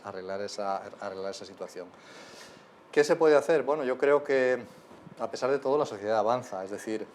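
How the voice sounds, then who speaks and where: A man's voice: lowish voice, darkish tone, a little hiss or hum. A man with a Spain Spanish accent, a guest lecturer answering questions in a university lecture room, rambling on with frequent tag questions.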